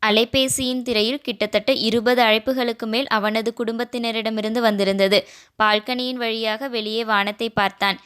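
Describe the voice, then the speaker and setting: A woman narrating a romance audio novel in a soft, expressive storytelling manner. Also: on the high side, normal speed, clear, resonant tone.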